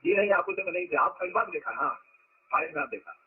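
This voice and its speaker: A man's voice: sits high, animated, fast, breathy edge, narrow, tinny audio. A man giving an informal spiritual discourse as a teacher, talking conversationally and asking rhetorical questions.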